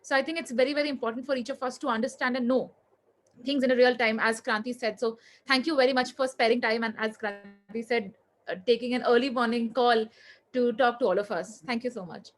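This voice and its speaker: Polite woman, higher voice, hesitant welcome. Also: steady tone, a little fast. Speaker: lecture series coordinator. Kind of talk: formal welcome on a video call.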